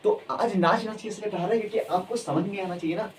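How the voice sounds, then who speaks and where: A man teaching a chemistry class in an energetic lecture style, repeating key terms again and again and coaxing his students along. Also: high voice, quick pace, distant mic, slight background noise, low-quality recording.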